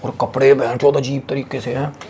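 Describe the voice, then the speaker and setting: A man's voice: medium pitch, flat delivery, brisk, mellow, a little hiss or hum. A man hosting a podcast, telling a horror story in a casual, crude and slangy way full of swearing.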